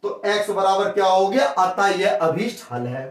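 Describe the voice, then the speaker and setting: A man's voice: sits high, animated, a little slow, far from the mic. A man with a western Uttar Pradesh Hindi accent, working through a maths problem step by step as a teacher, talking casually to his viewers. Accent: Hindi as spoken in western Uttar Pradesh. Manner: talks through steps, addresses viewers as brother. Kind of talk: worked-solution lesson. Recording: roomy echo, off the mic.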